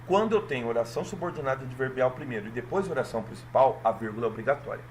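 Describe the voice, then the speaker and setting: A man from Brazil walking through an exam in a lesson, lively and checking in with listeners often. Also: mid-range voice, very fast, slight background noise. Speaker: teacher.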